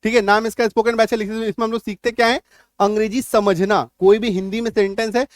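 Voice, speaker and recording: A man walks his students through spelling rules in a high-pitched voice. He repeats each point and keeps checking that the class follows. The recording is dry and close, with no room sound. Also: little pitch movement, fast, dry recording. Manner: repetitive, checks understanding with questions. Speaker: English teacher. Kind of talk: spoken-English lesson.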